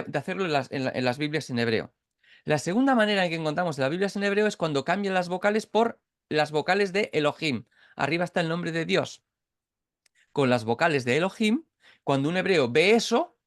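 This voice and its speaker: A man from Catalonia leads an informal Bible study over a video call, explaining step by step, often restarting and checking that people understand. His voice is a little high, and the recording is dry with clean studio sound.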